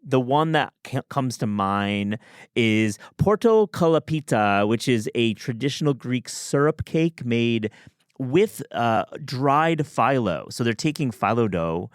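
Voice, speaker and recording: A man's voice: mid-range voice, animated, takes it slowly, smooth, no echo, clean studio sound. A man hosting a podcast, talking in an enthusiastic, chatty way with many restarts. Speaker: podcast host. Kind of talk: casual chat.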